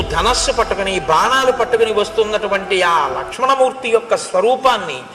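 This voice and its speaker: A man's voice: high-pitched, bright, forceful tone, slight background noise. A man giving a devotional epic discourse, retelling the story in a dramatic, emphatic way. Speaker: spiritual storyteller. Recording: echoey hall with long reverb, faint ambience.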